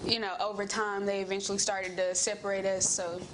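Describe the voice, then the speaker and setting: A woman's voice: mid-range voice, level tone, a little fast. A twenty-year-old woman, answering interview questions in a casual, hesitant, unscripted way. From Alabama, United States. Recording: noticeable background ambience noise.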